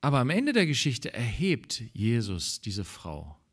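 A man with a German accent preaching a sermon as pastor, slow and deliberate, growing emphatic when he reads scripture aloud. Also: wildly swooping pitch, slightly rough. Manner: emphatic, rises in pitch and volume when reading scripture; slow, deliberate delivery with pauses.

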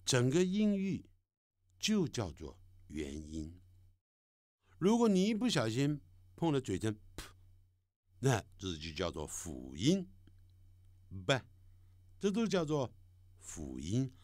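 Slow middle-aged guy teaching vowels, really drawn out, dry close mic. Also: medium pitch, wildly swooping pitch, a little mellow, dry recording. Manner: slow and deliberate, drawing out sample vowels. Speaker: English pronunciation teacher. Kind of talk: recorded classroom lesson.

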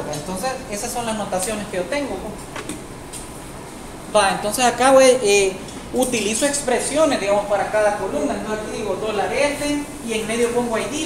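A woman teaching software to a class, tagging nearly every phrase with a questioning aside, recorded in a classroom with students present. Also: fairly high pitch. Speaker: programming teacher. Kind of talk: live classroom software tutorial. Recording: echoey room with faint background noise.

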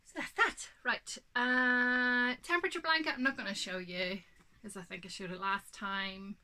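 This knitting podcast host has a fairly high, steady voice that sounds bright and forceful. She's a woman in her thirties from Northern Ireland, sitting in her home craft room and chatting at an easy pace about her knitting. Hay fever leaves her a bit snuffly, and ums fill her speech.

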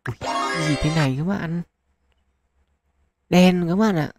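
Casting: male gaming host, gravelly texture, rambling casual commentary with fillers, bursts of excitement. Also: on the high side, slow, dry recording, faint music behind. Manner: chatty, thinks aloud with many fillers; excitable at lucky pulls. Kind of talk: casual gacha game commentary.

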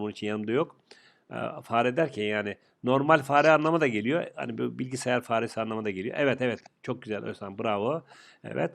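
Man teacher, gravelly voice, joking, drills words by repetition. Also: medium pitch. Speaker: English teacher. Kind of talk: live online grammar lesson.

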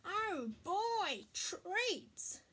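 Woman doing a storybook pet dog, eager, bouncy, high voice, slow delivery. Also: sing-song, a bit bright, slight background noise, exaggerated voice. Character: playful excitable pet dog, boy.

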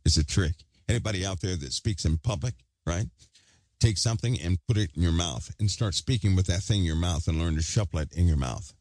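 A man's voice: low-pitched, fairly quick, darkish tone, no echo. A man preaching an online sermon, emphatic and repeating phrases for stress, talking with a hard object held in his mouth.

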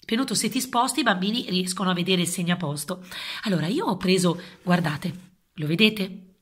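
A woman's voice: on the low side, normal speed, husky. A woman presenting a craft to children in simple words, coaxing them and often checking that they follow. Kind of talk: simple instruction addressed to children.

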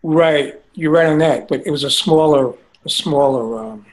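A man chats about his drawing during a group critique, agreeable and easygoing. His voice sits a little high. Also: fairly even intonation, moderate pace, poor audio. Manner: agreeable, laughs easily. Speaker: artist receiving critique. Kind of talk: casual discussion.

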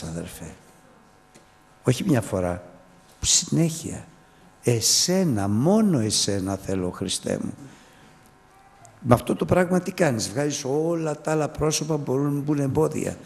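A man's voice: mid-range voice, lively intonation, vocal fry, pauses often, a little mellow, big-room sound. A man preaching a fervent sermon, repeating phrases and calling his listeners brothers.

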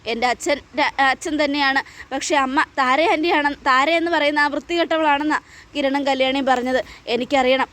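A woman doing a distraught young pregnant woman, pitched high. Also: fairly even intonation, brisk, fairly bright tone. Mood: pleading, distraught. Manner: pleading, insistent.

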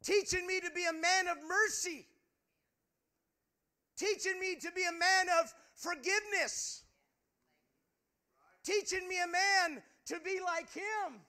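A man's voice: extremely high pitch, a little slow, pauses often, sharp tone. A male preacher giving an impassioned sermon in a church, earnest and stammering over repeated words. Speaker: preacher, pastor.

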